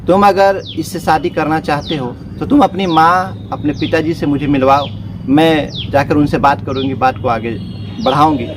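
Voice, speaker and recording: A man voicing a practical middle-aged widowed mother in a spoken story, measured and questioning, in his own voice. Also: on the high side, fairly even intonation, background noise, lightly acted. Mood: wary.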